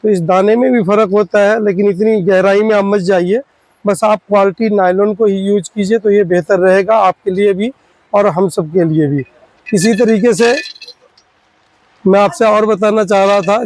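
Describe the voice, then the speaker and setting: Man, shop owner, pleading and repetitive pitch, high voice, dry close sound. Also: fairly even intonation, normal speed, darkish tone, dry recording, poor audio. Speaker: spare parts shop owner. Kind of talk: product explainer to shopkeepers.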